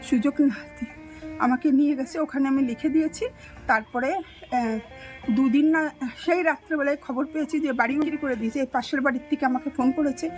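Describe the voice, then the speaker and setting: A woman's voice: sits high, fairly quick, soft background music. An older woman, rambling through an emotional personal account in an interview. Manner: rambling, tearful storytelling.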